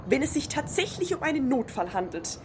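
Woman as a principled ship's officer, fairly high. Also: big pitch swings, brisk, slight background noise. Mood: earnest. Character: principled, formal seafaring crew officer. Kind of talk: audio drama acting.

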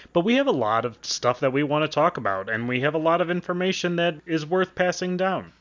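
A young adult man hosts a student radio interview show, giving a scripted radio introduction and then interviewing conversationally. His voice is a little high and a bit bright, with the highs cut off.

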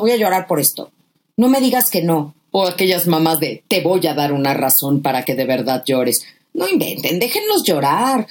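A woman's voice: a little high, a little mellow. A woman, a guest author giving emphatic, impassioned advice about grief in conversation.

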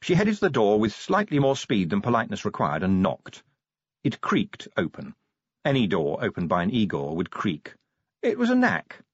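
Male audiobook narrator, low, husky, wry, dry booth. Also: normal speed, dry recording. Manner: wry, expressive reading. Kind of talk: scripted narration. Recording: dry, slightly dull audiobook recording.

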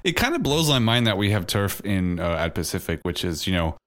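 Animated, laughing podcast man. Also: low voice, a little fast. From Canada. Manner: animated, laughs between sentences. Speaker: podcast co-host. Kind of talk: casual fan chat.

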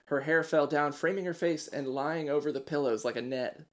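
A woman co-hosting a comedy podcast, reading fan fiction aloud with deadpan delivery and wry asides. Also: sits low, normal speed. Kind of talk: casual comedic read-aloud.

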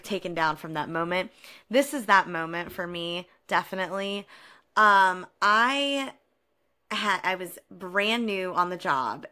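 A woman's voice: medium pitch, sharp tone, clear, resonant tone. A woman co-hosting a podcast from a room at home, chatting casually with lots of fillers. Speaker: podcast co-host. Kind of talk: casual chat.

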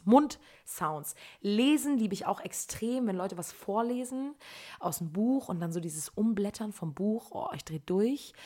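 Young woman podcaster, chatty slangy delivery, middle pitch. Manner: chatty, slangy and animated, drifts into soft voice. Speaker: podcast host. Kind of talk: casual chat.

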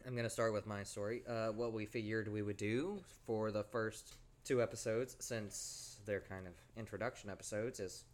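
A man in his twenties co-hosting a podcast, rambling in casual chat, swearing and poking fun at himself. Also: lowish voice. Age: 20s. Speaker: podcast co-host.

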